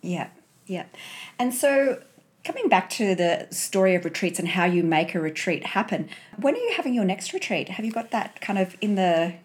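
A woman's voice: medium pitch, big pitch swings, normal speed. A woman hosting a podcast interview in a casual, friendly, chatty way. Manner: friendly, chatty, asks open questions. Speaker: podcast host.

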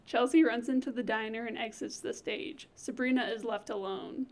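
A woman's voice: on the high side, fairly even intonation, normal speed. A woman reading out stage directions for a family-made musical, amused and laughing often.

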